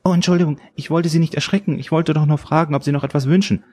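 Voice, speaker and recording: A man reading an audiobook who voices a flustered young waitress with hurried, high apologies. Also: fairly even intonation, mellow, natural voice. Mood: apologetic. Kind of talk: audiobook character voice.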